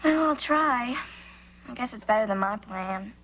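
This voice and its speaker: Wry teenage girl, high voice. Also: expressive, unhurried, fairly bright tone. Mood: dry. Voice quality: sarcastic, wry. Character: earnest teenage girl, quick sarcastic wit. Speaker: teenage girl working at a fast-food restaurant. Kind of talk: 1990s sitcom acting. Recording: noisy TV sitcom recording, live audience.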